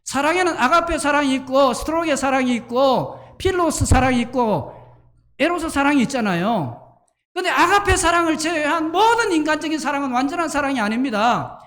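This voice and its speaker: A man preaches in a notably high voice. He speaks animatedly and with emphasis, now and then pushing up to a shout. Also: animated, a little fast. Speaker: pastor. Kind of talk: sermon.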